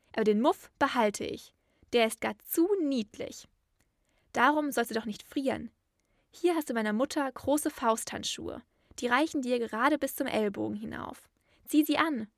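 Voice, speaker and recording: A woman's voice: a little high, moderate pace, vocal fry, dry recording, clean studio sound. A woman voicing a wild little robber girl, blunt, bossy and threatening, in a storybook reading. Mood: brusque.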